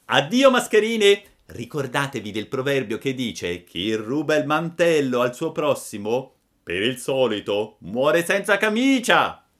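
A man voicing an eager young wooden puppet boy in a storybook reading, earnest and excited. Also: mid-range voice, a little slow, pitched above the performer's own voice. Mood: scornful.

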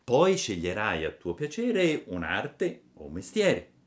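A man voicing a soft, stern fairy mother. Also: huge pitch swings, exaggerated voice. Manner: soft, low and measured, slow and admonishing. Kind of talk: storybook reading.

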